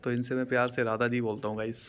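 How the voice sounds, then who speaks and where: A young man talking casually to viewers in a selfie vlog, filmed on a phone at arm's length, chatty and often checking in with the audience. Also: mid-range voice. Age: young adult. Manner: chatty, keeps asking "theek hai?" to viewers. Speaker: vlogger. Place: indoors at home and outdoors at a college camp. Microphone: phone held at arm's length.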